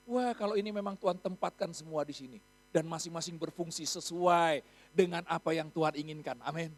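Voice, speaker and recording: A high-voiced man from Indonesia preaches to his congregation, tossing them questions to answer back. His delivery climbs to loud, emphatic peaks. Soft music plays faintly behind him. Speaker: pastor. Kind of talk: sermon. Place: church hall.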